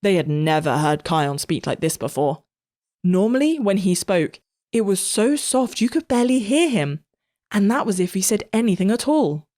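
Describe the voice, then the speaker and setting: A woman narrating a comic story in a lively storytelling manner. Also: medium pitch, normal speed.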